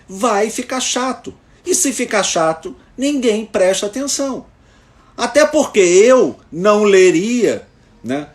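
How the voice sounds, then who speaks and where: A man, a lawyer giving tips on oral argument to the camera in an animated way, with many tag questions. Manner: animated, lively pitch swings, frequent tag questions. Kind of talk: instructional talk to the camera.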